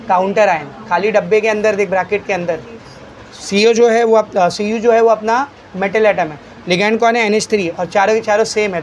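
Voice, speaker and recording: A man's voice: high voice, a little hiss or hum. A male chemistry teacher, lecturing a class, asking questions and answering them himself, calling students "beta". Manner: quizzes students, answers his own questions; calls students beta, coaxing.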